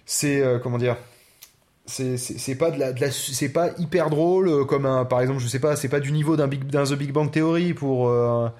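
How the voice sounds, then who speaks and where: A man co-hosting a podcast in relaxed casual chat, hesitating with many fillers. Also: medium pitch, normal speed. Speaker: podcast co-host.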